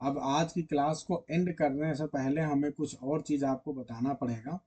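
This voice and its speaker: A man gives a relaxed literature lecture, talking straight to his students and stretching words out when he demonstrates. His voice sits a little high, with a soft, mellow tone. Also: normal speed, slightly rough. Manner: chatty, addresses students directly, stretches words when singing examples. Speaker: literature teacher. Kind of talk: online lecture.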